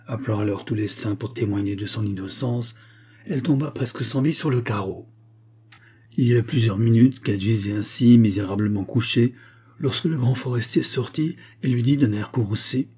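Husky-voiced man reading a classic novel. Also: mid-range voice. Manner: measured, even storytelling delivery. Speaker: audiobook narrator. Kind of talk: scripted literary narration.

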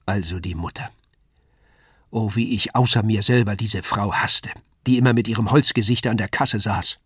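A man calmly reading a classic novella aloud. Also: lowish voice, moderate pace, slightly rough, no room sound, clean studio sound. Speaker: reader. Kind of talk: scripted narration of a novella.

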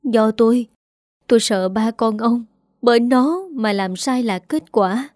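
A woman's voice: fairly high pitch, unhurried, darkish tone, no room sound, studio quality, close to an everyday voice. A woman reading a storybook part of a middle-aged mother who begs tearfully for forgiveness. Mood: begging. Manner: begging, tearful.

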